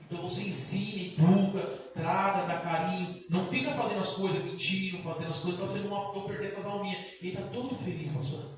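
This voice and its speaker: A middle-aged Brazilian deacon preaching an impassioned Pentecostal sermon, pleading and breaking into loud bursts. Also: male voice, sits high, steady tone, fast talker, few pauses, a little hiss or hum. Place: church sanctuary. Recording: very echoey church hall, distant mic.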